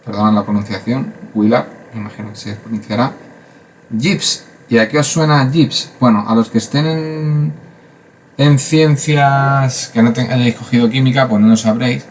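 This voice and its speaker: A man's voice: medium pitch, normal speed, a little hiss or hum. A man from Spain giving a casual math lesson, chatty and full of fillers and asides. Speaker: math teacher.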